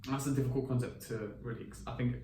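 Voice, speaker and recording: This is a man of twenty, a podcast co-host in casual conversation who rambles and keeps restarting, padding his speech with fillers. He speaks rapid-fire in a steady, mid-range voice. Background noise and faint ambience fill the echoey room, and the mic sits far away.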